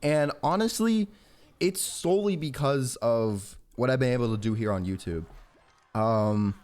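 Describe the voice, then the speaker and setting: Young american guy from georgia, early 20s, casual slangy gamer chat, mid pitch, rambles while playing. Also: animated, a little slow, darkish tone. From Georgia, southern United States. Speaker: gaming YouTuber. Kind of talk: casual gameplay commentary with personal chat.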